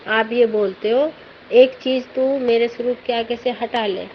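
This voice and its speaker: A woman's voice: fairly high pitch, fairly even intonation, a little slow. Earnest middle-aged woman telling a testimony. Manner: earnest, rambling, emotional storytelling. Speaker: devotee sharing a testimony. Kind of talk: personal devotional testimony. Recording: dull lo-fi audio with faint background noise.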